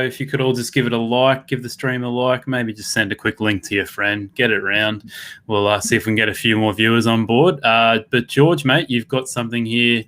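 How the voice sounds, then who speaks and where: A man's voice: mid-range voice, a bit bright. A man with an Australian accent hosts a live sports betting stream. He keeps it upbeat and matey, with a voice in the middle register. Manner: upbeat, matey, calls everyone mate. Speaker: host.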